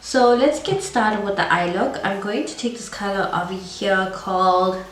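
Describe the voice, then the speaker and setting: At a moderate pace and medium pitch, a beauty vlogger talks with the scratchy, congested voice of someone with a cold. Her casual, rambling makeup review was recorded in an echoey room with the mic far away and a faint noise in the background.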